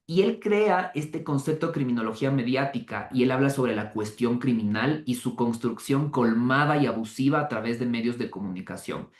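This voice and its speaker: Lively, chatty male lecturer. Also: mid-range voice. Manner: lively, conversational, asks the audience rhetorical questions. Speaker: criminal law lecturer. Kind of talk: online lecture. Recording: echoey room.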